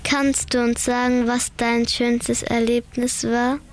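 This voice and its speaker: A young woman interviewing her mother for a radio show, asking plain, steady questions. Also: on the high side, slow. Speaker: interviewer, daughter.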